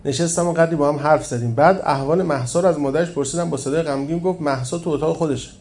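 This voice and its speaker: A man reading a first-person story aloud as narrator, in a steady storytelling manner. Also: on the high side. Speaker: audiobook narrator.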